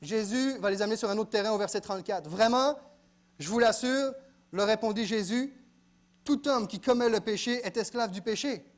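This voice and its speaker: A man preaching a sermon in a church, dropping to quiet asides and then rising to loud exclaims. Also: sits high, normal speed. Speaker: pastor.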